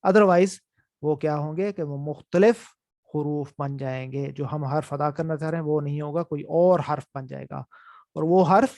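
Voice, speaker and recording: A man gives an online lesson on the rules of Quran recitation, repeating each point to make sure it sinks in. His voice is gravelly and sits a little high for a man. The sound is dry and close. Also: darkish tone, no echo. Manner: explanatory, repeats key points with "theek hai". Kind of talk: online class lecture.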